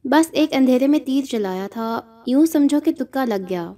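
A woman's voice: high voice, animated, warm tone. A woman voicing a cheerful, reassuring middle-aged uncle in an audio horror story. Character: middle-aged uncle, cheerful, tired after a long night.

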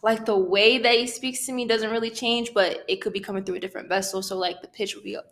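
A woman's voice: medium pitch, fairly even intonation, fast, a bit bright. Young woman in rambling faith chat. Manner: rambling, self-correcting, laughs often. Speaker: podcast co-host.

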